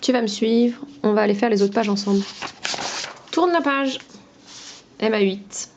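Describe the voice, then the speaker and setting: French teacher lady doing phonics for little kids, slow and singsongy, bit dull muffled sound with faint hiss. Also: a little high. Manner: slow, patient, sing-song teacher talk to a child. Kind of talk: phonics lesson for young children.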